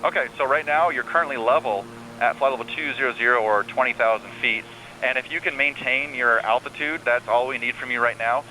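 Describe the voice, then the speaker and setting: Bright-voiced man on air traffic control radio. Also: mid-range voice, a little fast, poor audio. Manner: calm, reassuring, step-by-step instructions. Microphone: radio transmission. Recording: air traffic radio with faint hum and noise.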